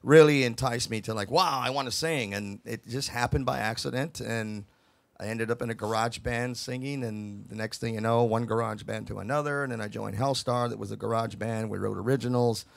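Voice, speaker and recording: An older man, the band's singer, answering interview questions in a relaxed, rambling, self-deprecating way. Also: mid-range voice, brisk, creaky, no room sound. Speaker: singer of the band.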